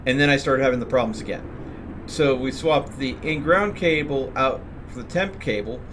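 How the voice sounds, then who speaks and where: Streaming a game, a man comments on his play and rambles through step-by-step explanations in a casual tone. He speaks at normal speed with a medium pitch, and background noise comes through clearly.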